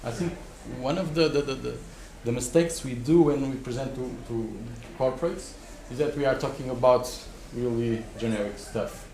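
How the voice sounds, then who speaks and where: Man giving halting advice in an echoey room. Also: medium pitch, mellow, a little hiss or hum. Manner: halting, repeats words as he rethinks. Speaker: expert panelist advising startups. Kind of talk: spontaneous advice at a live panel. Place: wood-panelled conference room.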